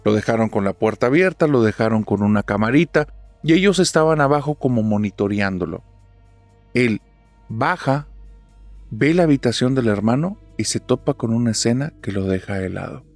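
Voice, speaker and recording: A man narrating a spoken horror story in a dramatic manner, dropping to a hush at tense moments. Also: medium pitch, animated, normal speed, no room sound. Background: faint music.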